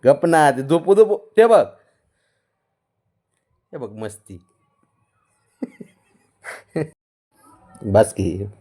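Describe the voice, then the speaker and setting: Guy talking to his cat at home, slow and sing-songy, keeps repeating little commands, laughs a lot. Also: mid-range voice, very animated, a little mellow. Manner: coaxing, playful, repeats short commands; laughs often while talking. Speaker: cat owner filming his pet. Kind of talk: casual talk to a pet. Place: indoors at home.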